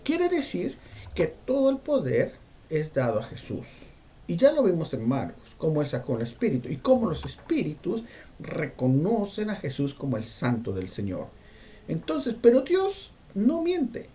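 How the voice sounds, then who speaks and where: A man's voice: on the high side, huge pitch swings, unhurried, dark tone, slightly rough. A male preacher giving a Bible-teaching sermon, reading scripture verse by verse and explaining it emphatically, repeating key phrases.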